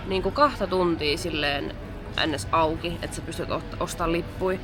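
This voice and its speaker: A young woman from Finland chatting casually in a travel vlog outdoors at an amusement park, excitable and slangy, mixing in English words, recorded on a handheld camera. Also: low-pitched, music in the background. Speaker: travel vlogger.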